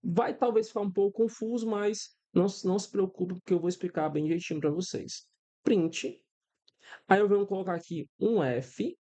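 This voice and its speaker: A high-pitched, warm male voice at a moderate pace belongs to a Brazilian man in his thirties with a Brazilian Portuguese accent. In a screen-recorded coding lesson, this programming instructor teaches step by step, checks in with students often and uses everyday examples.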